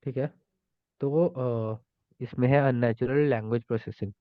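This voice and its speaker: A programming tutor talks through contest solutions live, thinking aloud with lots of fillers and restarts. His mid-range voice has fairly even intonation and a normal pace. The sound is dry and narrow, like a phone, with no echo.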